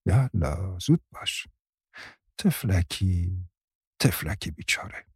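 A man's voice: low voice, expressive, husky, dry recording, clean studio sound, full character voice. A man voicing a heavy, fussy older woman with a sore back who coaxes and comforts a girl in an audiobook story. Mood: coaxing.

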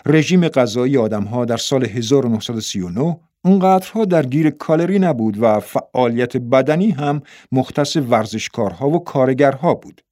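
A man reading a story aloud in a steady, even storytelling manner. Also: medium pitch, few pauses, no echo, clean studio sound. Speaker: narrator. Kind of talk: audiobook narration.

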